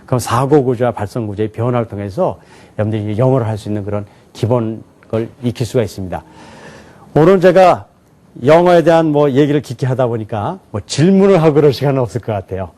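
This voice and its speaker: A man gives a televised lecture at an ordinary middle pitch. He keeps putting questions to his listeners and then answering them himself. Now and then he slows down to sound things out syllable by syllable. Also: expressive, mellow. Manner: demonstrates pronunciation slowly and syllable by syllable. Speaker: teacher.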